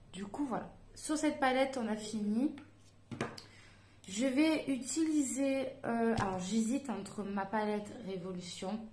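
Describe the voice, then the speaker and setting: A woman's voice: mid-range voice, darkish tone, slight background noise. Chatty woman, echoey room. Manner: chatty, hesitant, many fillers, talks to viewers. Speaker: beauty vlogger. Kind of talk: casual makeup tutorial chat.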